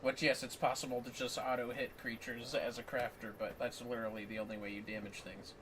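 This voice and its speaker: A man co-hosting a livestream chats loosely and reads out game text with playful exaggeration, speaking at medium pitch in a level tone and a little fast. He's in a home office, picked up by a distant mic, with music and noise in the background.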